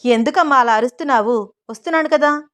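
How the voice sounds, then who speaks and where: A woman's voice: high voice, fast, a bit bright, voice pushed up. A woman voicing a homely, fussing middle-aged mother who scolds fondly.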